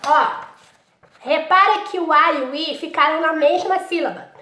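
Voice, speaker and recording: A woman's voice: sits high, moderate pace, bright, forceful tone, slight background noise. A woman with a Brazilian Portuguese accent, a primary school teacher recording a workbook lesson, speaking patiently and directly to a young child and using lots of little diminutive words. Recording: roomy echo.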